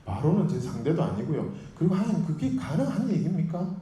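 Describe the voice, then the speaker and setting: A man's voice: mid-range voice, animated, brisk, warm tone, close to an everyday voice. A man voicing a timid old man who pleads and makes excuses, in a very echoey hall with faint room noise. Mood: pleading. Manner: hesitant, pleading.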